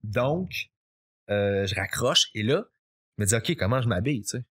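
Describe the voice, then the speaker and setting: A young man with a Quebec French accent, a podcast guest telling personal stories in a casual, animated way and acting out his past self in quick quotes. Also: fairly low pitch, husky. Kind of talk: casual confessional storytelling.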